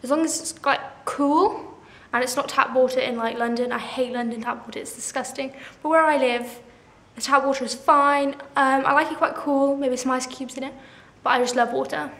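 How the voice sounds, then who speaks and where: In a casual question-and-answer video, a seventeen-year-old girl vlogger talks to the camera in a bubbly way, filling her speech with "like" and laughing at herself. Her high voice is fairly bright with fairly even intonation and a moderate pace, and the room sounds spacious.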